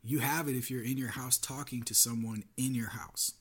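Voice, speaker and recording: A man's voice: medium pitch, steady tone, moderate pace, a bit bright, breathy edge. A man hosting his own podcast, giving earnest solo commentary with a warning tone. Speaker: podcast host.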